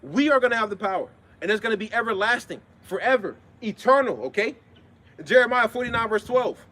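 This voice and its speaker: A man delivers an informal sermon in a high voice, talking quickly. He is blunt and swears often. He drives home his points with emphatic repetition and constant check-ins with his listeners. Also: animated, bright, forceful tone. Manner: blunt street talk with frequent swearing. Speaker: preacher. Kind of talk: informal sermon with scripture readings.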